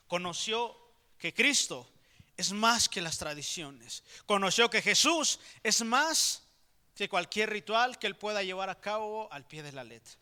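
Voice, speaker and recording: A man's voice: high-pitched, sharp tone. A man with a Mexican Spanish accent preaching a sermon as pastor, emphatic and putting direct questions to the congregation. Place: church hall. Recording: reverberant church hall.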